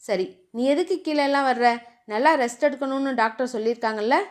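A woman voicing a gruff but caring young husband in a storybook reading, speaking in clipped, lowered commands. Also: fast, close to an everyday voice. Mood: tender.

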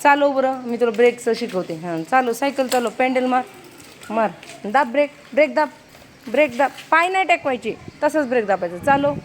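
Young woman, family vlogger, outdoors, slightly high pitch, firm and repetitive coaching, light ambient noise. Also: animated, a little fast. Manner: firm, repetitive instructions to a child. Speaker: vlogger and mother. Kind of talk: casual family vlog, teaching a child to cycle. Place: outdoors in a housing complex near underground parking.

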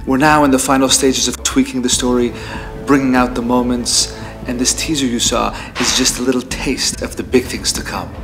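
A man's voice: mid-range voice, little pitch movement, moderate pace, hardly any pauses, over music. A man from the San Francisco Bay Area making a direct crowdfunding appeal for a series.

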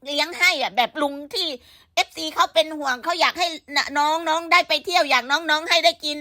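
A woman's voice: high voice, fast talker, pushed and bright, no echo, studio quality. A woman giving blunt, scolding gossip commentary full of rhetorical questions. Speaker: online commentator.

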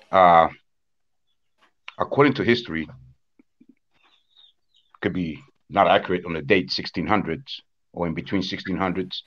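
Speaking through a webcam on a video call, a Honduran man delivers a conference talk as an invited speaker on the Wanaragua dance. His deep voice is a bit bright and slightly rough, the audio dull, and he recounts history plainly with frequent "uh" and "according to what I understand."

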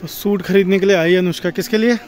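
A fast-talking travel vlogger in his twenties, with a high, darkish voice and fairly even intonation, chats casually while walking a crowded outdoor market and monastery grounds. He films himself on an arm's-length phone, and the recording carries crowd noise and street sounds.

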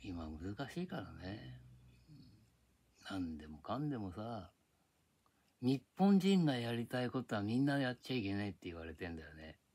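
Grumbling older man, low voice. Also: very animated, normal speed, pauses often, darkish tone. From Japan. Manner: grumbling, chatty, drifting between topics. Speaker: vlogger. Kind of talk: rambling casual monologue. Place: at home. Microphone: tablet microphone.

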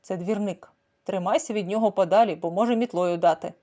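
A woman's voice: medium pitch, a little fast, warm tone, natural voice. A woman voicing a scruffy ginger male alley cat, a brawler who talks with swagger and mock gallantry. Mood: knowing.

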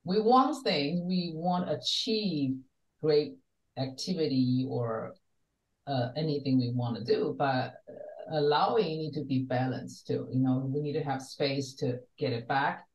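Older lady on a video call, low voice, earnest, roomy far-off webcam sound. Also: unhurried. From Taiwan. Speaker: guest, wellness coach. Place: home study with bookshelves.

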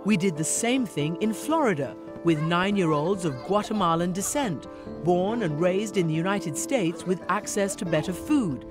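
A middle-aged woman correspondent giving a measured, earnest scripted news narration. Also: fairly low pitch, animated, over music.

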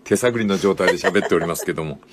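An older man hosting a radio talk show, commenting on a book in a folksy storytelling way with drawn-out emphatic phrasing. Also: low voice, noisy background. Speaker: radio host.

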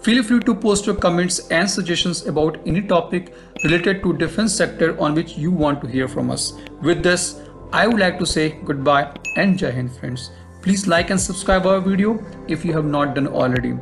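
A man reads scripted defense news in a steady, list-like delivery. His voice sits slightly high for a man. Soft music plays faintly underneath. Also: moderate pace. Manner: steady read-aloud delivery, lists of facts. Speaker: defense news channel host. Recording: faint music bed behind voice. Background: faint background music.

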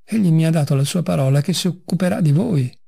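A man voicing an elderly male postmaster who pleads with fussy, overly affectionate warmth in a storybook reading. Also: a little high, fast, vocal fry, husky, heavily acted. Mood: pleading.

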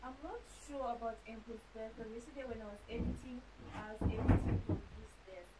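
A woman's voice: on the high side, a little fast. A young woman vlogger giving an enthusiastic, chatty tour of her small rented room, often addressing viewers as "you guys.". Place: small bedroom and kitchenette, indoors. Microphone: camera on tripod across the room. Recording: distant mic with clear hiss.

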